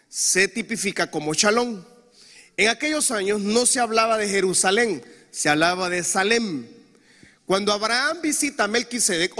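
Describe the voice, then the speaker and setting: High bright young preacher in a reverberant hall. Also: male voice. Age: young adult. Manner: animated, engages congregation with call-and-response. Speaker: pastor. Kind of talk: sermon.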